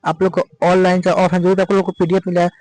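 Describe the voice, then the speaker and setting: Teacher guy, super fast, dry close mic, keeps urging the kids. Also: high voice, completely flat delivery, darkish tone, dry recording, poor audio. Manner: addresses students as dear children in nearly every sentence; urging, advice-giving. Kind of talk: online exam-prep lecture.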